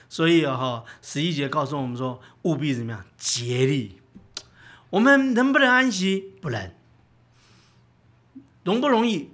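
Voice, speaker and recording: A man preaching a sermon as pastor, asking his congregation questions and answering them himself, telling stories in an animated way. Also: a little high. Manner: animated storytelling with sudden loud bursts.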